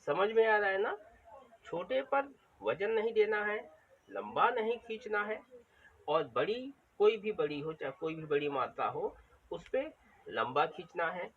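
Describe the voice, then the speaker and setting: A man's voice: high-pitched, lively intonation, husky. A man teaching a Hindi vowel lesson, drawing out and repeating the vowel sounds. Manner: slow, drawn-out vowel drills, repeating sounds. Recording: dull lo-fi recording with faint background noise.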